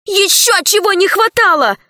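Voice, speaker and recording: A woman reading a storybook aloud and voicing a brave, spirited young girl in a bright, exclaiming girlish tone. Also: very high voice, lively intonation, measured pace, no room sound, clean studio sound, pitched above the performer's own voice, exaggerated voice. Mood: defiant.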